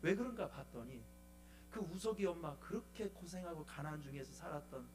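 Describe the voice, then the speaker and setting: A man preaching at a revival service, his pitch swinging widely as he spins a folksy story. He keeps turning to the congregation with rhetorical questions, and soft music drifts behind him in the church. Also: expressive, fairly quick. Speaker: guest preacher. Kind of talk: revival sermon. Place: church sanctuary.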